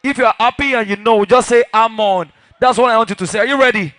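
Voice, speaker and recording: Speaking extremely high and fast, a Nigerian-accented hype man shouts promo lines into a microphone at a live lounge event, firing short chanted call-outs at the crowd. There's no room sound on the recording.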